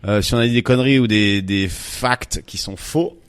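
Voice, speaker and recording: Low-voiced French podcast host, rambling. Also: male voice, moderate pace, clean tone. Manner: rambling, hesitant with many fillers and restarts. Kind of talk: casual chat.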